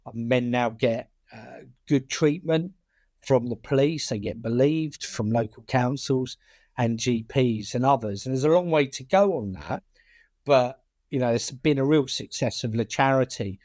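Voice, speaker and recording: A man's voice: medium pitch, unhurried, a little mellow, dry recording, clean studio sound. A man with a British working-class accent answering in a conversational interview, often repeating words and restarting sentences as a campaigner. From United Kingdom. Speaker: charity chair and campaigner.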